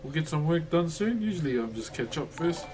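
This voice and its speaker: A man's voice: on the high side, big pitch swings, a little fast, over loud music. A man with a broad New Zealand accent chatting casually on a livestream in a laid-back, chummy, slangy way. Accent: broad Kiwi. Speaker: livestreamer greeting viewers. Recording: noticeable background noise.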